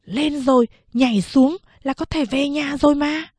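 A woman's voice: high-pitched, fairly even intonation, normal speed, darkish tone, dry recording, clean studio sound, pitched above the performer's own voice, lightly acted. A woman voicing an eager young boy who coaxes and pleads with his uncle in an audiobook. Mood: urgent coaxing. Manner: urgent, coaxing. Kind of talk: audiobook character voice.

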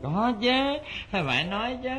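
A hot-tempered young husband who leans on his mother in a stage drama. His voice is fairly high and bright, with faint music in the background. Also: very animated, unhurried, heavily acted. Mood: casual. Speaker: actor.

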